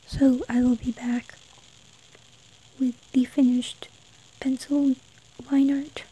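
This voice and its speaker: High, whispery woman giving a craft tutorial. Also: level tone, takes it slowly, dark tone, low-quality recording. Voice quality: breathy, whispery. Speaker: host of an art tutorial.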